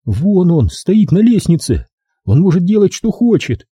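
A man reading aloud puts on a captive woman in chains, bitter and fierce, who snaps every retort at her rescuer. Her voice sits well above a man's usual register, with a dark, husky grain, and is heard close and dry as in an audiobook. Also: sits high, big pitch swings, measured pace, dry recording, voice pushed up, full character voice. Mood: scornful. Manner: bitter, snapping.

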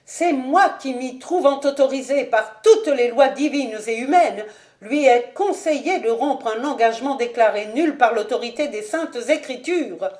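A woman's voice: high-pitched, normal speed, darkish tone, pitched above the performer's own voice, close to an everyday voice. A woman reading an audiobook, voicing a haughty noblewoman who speaks sharply and imperiously. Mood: indignant. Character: haughty domineering noblewoman mother, shrill and triumphant. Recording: echoey room.

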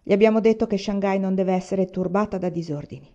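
A woman's voice: mid-range voice, steady tone, quick pace, warm tone, close to an everyday voice. Lady reading a stern banker dad, curt and clipped, dull lo-fi sound. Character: stern wealthy middle-aged male banker father.

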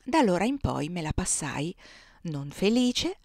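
A woman reading a novel aloud in an expressive, dramatic storytelling manner. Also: on the low side, a little slow, no echo, studio quality. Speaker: reader of a novel.

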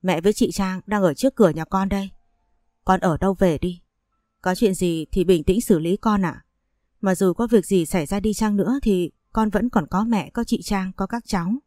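A woman's voice: mid-range voice, moderate pace, mellow, no echo, clean studio sound, close to an everyday voice. A woman voicing an anxious older mother who implores her daughter through sobs. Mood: imploring. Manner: sobbing, imploring.

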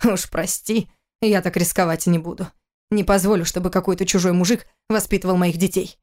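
A woman's voice: lowish voice, fairly even intonation, a little fast, a little mellow, natural voice. Harsh cold husband, clipped and sneering, woman reading him in an audiobook. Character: cold, furious husband, adult man.

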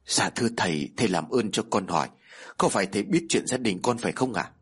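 A gentle, worried grandmother speaking softly and low, as a narrator puts her on. Her voice is a little husky and pleading. She sounds like a character in a spoken ghost story. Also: lively intonation, fast, heavily acted. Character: grieving grandmother, anxious and gentle.

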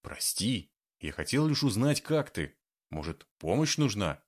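Man doing a calm older guy, low voice, soothing tone, audiobook. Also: unhurried. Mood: placating. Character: patient older man, early riser, mild.

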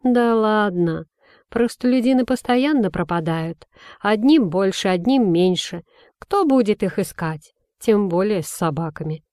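A woman's voice: mid-range voice, animated, a little slow, a little mellow, no room sound, studio quality, natural voice. A woman reading a storybook and voicing a spoiled, haughty boy prince who whines when he does not get his way. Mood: petulant. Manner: sulky and petulant.

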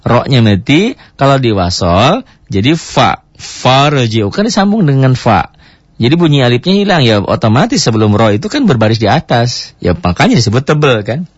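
A man's voice: slightly rough, no echo. Indonesian man teaching tajwid on radio. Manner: explains rules step by step, models Arabic words slowly; lively pitch jumps when stressing a point. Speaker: Quran recitation teacher. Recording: dull dry radio broadcast recording.

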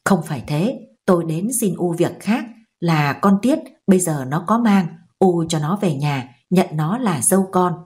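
A woman's voice: on the low side, lively intonation, unhurried, darkish tone. A woman voicing a humble young man begging his mother, in a pleading tone.

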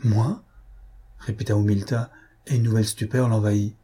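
Husky, low-voiced male narrator. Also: fairly even intonation, moderate pace, warm tone. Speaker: audiobook narrator. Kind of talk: scripted narration.

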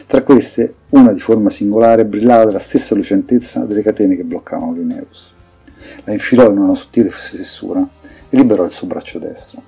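Man narrating a fantasy audiobook, dark husky voice, even measured read, faint music. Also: lowish voice.

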